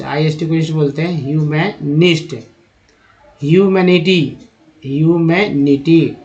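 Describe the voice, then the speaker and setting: Guy teaching english reading, drags out each word slow, kinda high voice, dull lo-fi sound. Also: darkish tone. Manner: drawn-out syllables, repeating each word. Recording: dull lo-fi recording.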